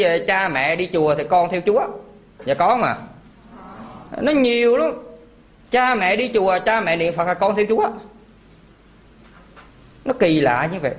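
A man giving a Buddhist Dharma talk, earnestly repeating key phrases for emphasis. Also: sits high. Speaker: Buddhist monk preaching. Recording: dull lo-fi recording.

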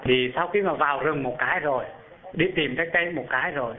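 A Buddhist preacher, a man with a slightly high voice, tells a story as a sermon at a quick pace before a live audience. He is animated, quizzes his listeners, and climbs sharply in pitch when describing things, all captured in a thin, phone-like recording.

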